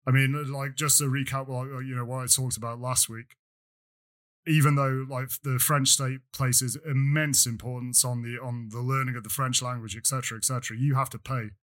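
A man's voice: mid-range voice, level tone, fairly quick, fairly bright tone. A British man co-hosting a podcast in casual chat, rambling with many fillers and restarts. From Britain. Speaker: podcast co-host. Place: lives in France.

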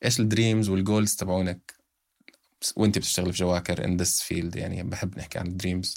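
A man's voice: low-pitched, little pitch movement, fast talker, gravelly, a little mellow. A man hosting a casual podcast chat, switching between Arabic and English mid-sentence. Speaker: podcast host.

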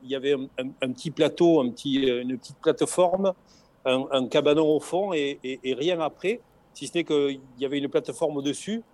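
A man's voice: fairly high pitch, brisk, a little mellow, no echo. Expansive man with a southern French accent. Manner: expansive, lots of restarts and repeated words. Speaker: guest, former race logistics organizer. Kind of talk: casual interview chat.

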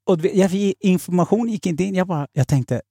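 A man with a fairly high, gravelly voice and a husky edge tells a personal story. He is animated and casual, acts out both sides of conversations, and swears and fills his sentences freely. He is recorded close and dry, with no room sound. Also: no echo. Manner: animated, acts out quoted dialogue; swears freely, many fillers. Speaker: podcast guest.

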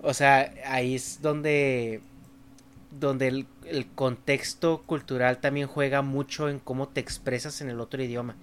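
A man's voice: medium pitch, flat delivery, measured pace, a little hiss or hum. A man chatting on a podcast, explaining his point of view in a reflective way. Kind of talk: casual chat.

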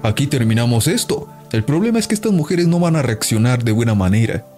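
A man's voice: medium pitch, big pitch swings, fast talker, dark tone. Man, podcast host, preachy casual monologue, faint background music. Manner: preachy, addresses listeners directly.

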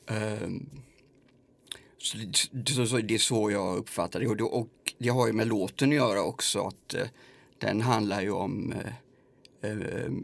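A man's voice: lowish voice, creaky, dry recording. A man, a musician, speaking in a hesitant way with many fillers in casual conversation. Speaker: musician guest.

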